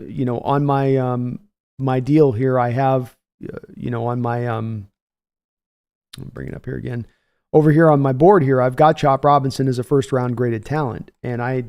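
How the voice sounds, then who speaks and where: Man, sports livestream host, middle pitch, casual, rambling, reads viewer comments. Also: darkish tone. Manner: rambling, frequent ums and restarts, conversational.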